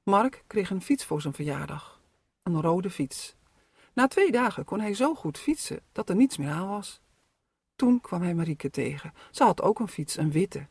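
A narrator reading children's stories aloud with expressive, lively storytelling. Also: medium pitch, a little slow, breathy edge, dry recording.

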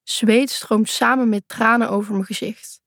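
A woman's voice: on the high side, fairly even intonation, measured pace, fairly bright tone, no echo, studio quality. A woman reading a first-person thriller aloud in a tense, urgent way. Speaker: audiobook narrator.

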